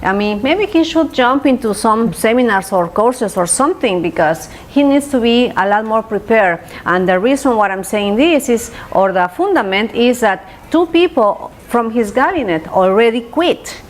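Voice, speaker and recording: A woman giving conversational commentary as a show co-host, sometimes halting and drawing out words. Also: on the high side, animated.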